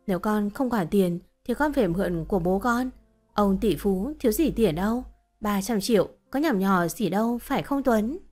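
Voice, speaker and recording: A woman's voice: mid-range voice, expressive, normal speed, darkish tone, soft background music, close to an everyday voice. A woman voicing a scheming, whining middle-aged mother-in-law in a told story, wheedling and complaining.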